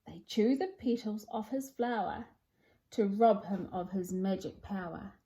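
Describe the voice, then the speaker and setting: Warm and medium-pitched, a woman's voice moves a little slowly over slightly rough audio. She presents and reads a children's picture book aloud, giving it a theatrical, sing-song rhyming performance.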